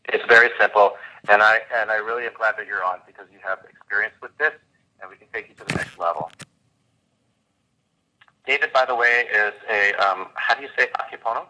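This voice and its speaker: A man coaching a guest on a call, talking with lively enthusiasm and vivid imagery. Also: fairly low pitch, brisk, rough recording. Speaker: host and coach.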